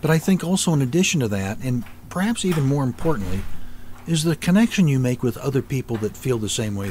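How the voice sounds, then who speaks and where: Measured man hosting a podcast. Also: medium pitch, darkish tone, slight background noise. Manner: measured, with frequent restarts. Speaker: podcast host. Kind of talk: interview conversation.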